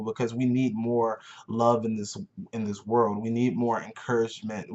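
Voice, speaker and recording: In his twenties, a male vlogger delivers an earnest motivational talk to his audience, often repeating phrases for emphasis. His voice is medium in pitch, and the audio sounds dull.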